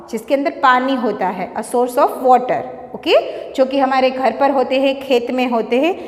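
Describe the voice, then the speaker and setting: High-voiced Indian woman teaching a class. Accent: Indian English. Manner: explains patiently, repeats points, checks with "okay?". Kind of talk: classroom lesson mixing Hindi and English. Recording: echoey room, long reverb.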